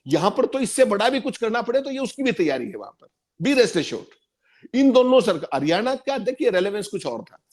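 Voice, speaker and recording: High-pitched emphatic male commentator. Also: darkish tone. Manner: emphatic, repeats points for stress. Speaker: political commentator. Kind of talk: panel discussion commentary.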